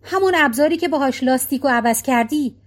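A woman's voice: high voice, lightly acted. A woman reading a storybook voicing an impatient middle-aged husband who keeps asking pointed questions. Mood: exasperated.

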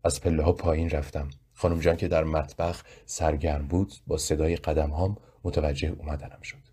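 Low husky male storyteller. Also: flat delivery, mellow. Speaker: narrator. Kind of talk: audiobook narration.

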